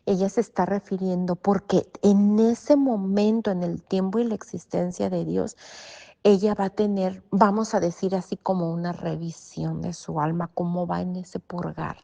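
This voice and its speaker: A woman's voice: on the low side, steady tone, normal speed, vocal fry, mellow. A woman, telling a personal story as an interview guest, hesitant and searching for words, on slightly muffled audio.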